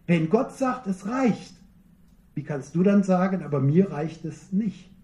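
A man preaching a sermon, earnest and emphatic, slowing down to repeat key phrases. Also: high-pitched, lively intonation, dark tone, echoey room, highs cut off.

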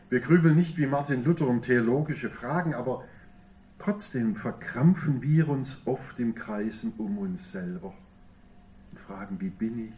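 A man preaching a sermon in a church, his voice dark and mellow. He speaks in a measured way and builds to emphatic peaks. He is picked up from some distance, with faint noise behind him. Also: mid-range voice, lo-fi sound. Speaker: pastor.

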